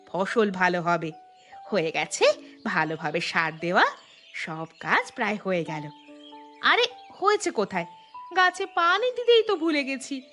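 In a Bengali cartoon, a woman with a mid-range voice plays a practical, chatty village housewife. Her delivery is expressive and homely.

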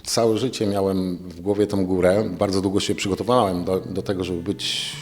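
A man giving spontaneous, halting and reflective interview answers as a mountaineer. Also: low voice, steady tone, a little mellow. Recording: very reverberant hall, music behind.

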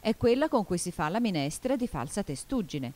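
A woman voicing a furious, imperious queen who shouts her commands. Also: medium pitch, sing-song, a little fast, voice pushed up, close to an everyday voice.

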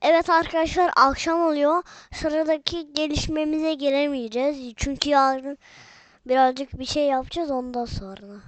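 A woman's voice: high voice, fairly even intonation, normal speed, no room sound. A woman giving casual, chatty gameplay commentary from home, often addressing viewers as friends. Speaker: gaming video maker.

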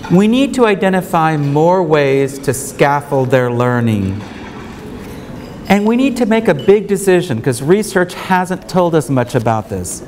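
A man's voice: fairly high pitch, sing-song, measured pace, a little mellow. A middle-aged man giving a conference keynote lecture from a podium in a large ballroom, earnest and emphatic, repeating key points. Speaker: keynote speaker. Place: large hotel ballroom with seated audience. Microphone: podium microphone. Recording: reverberant hall, faint room noise.

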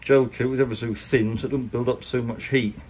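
Speaking fairly quickly in a mid-range, slightly mellow voice with a steady tone, an English-accented boat restorer runs through a how-to. His hands-on tutorial is chatty, colloquial, casual and plain-spoken. It's a handheld workshop recording with clear background noise.

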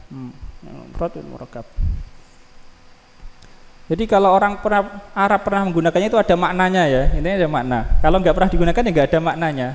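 A man's voice: sits high, long reverb tail, poor audio. A man teaching a grammar class, repeating key terms and quizzing his students. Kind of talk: classroom lesson.

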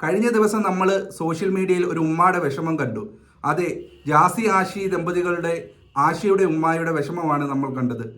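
Malayali male host, earnest scripted intro, slightly high voice. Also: normal speed, fairly bright tone. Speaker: channel host.

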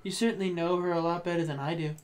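A man voicing a poised, smug high-school girl during a let's play. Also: fairly even intonation, fast, faint music behind, close to an everyday voice.

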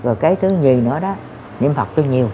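A woman gives spiritual advice in a casual talk, calmly reassuring her listeners and repeating her points in a homely way. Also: extremely low pitch, quick pace, lo-fi sound, a little hiss or hum. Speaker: spiritual adviser.

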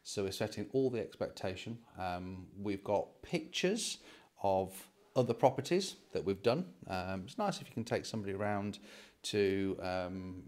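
Inside an empty house, a British man in his forties explains things casually for his property vlog, recorded on a handheld phone at arm's length. His fairly low, darkish voice has lively intonation, a normal speed and hardly any pauses.

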